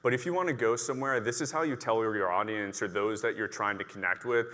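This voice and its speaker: Bright-voiced man presenting in a big hall. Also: lowish voice, quick pace. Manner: earnest, encouraging, playful. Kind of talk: conference talk. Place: large expo hall. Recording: long hall reverb.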